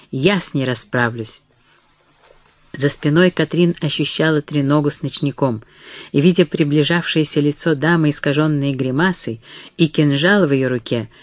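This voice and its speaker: Dry, measured audiobook reader. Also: mid-range voice, no echo. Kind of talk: scripted audiobook narration.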